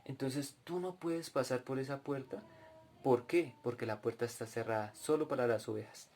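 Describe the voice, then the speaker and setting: A man gives a sermon-style testimony, recounting a dream and then moving into Bible teaching. His voice is mellow and dark at an ordinary pitch. He often speaks straight to his listeners. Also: moderate pace, a little hiss or hum. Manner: storytelling, addresses listeners directly. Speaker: preacher at a cell group.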